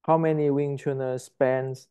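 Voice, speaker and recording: An older man lectures on martial arts in a slow, unhurried delivery. His voice is mellow and warm. He speaks bluntly and emphatically, often repeating a word while he hunts for the next one. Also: medium pitch, little pitch movement, clean tone, lo-fi sound. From Indonesia. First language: Indonesian. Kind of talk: lecture to camera.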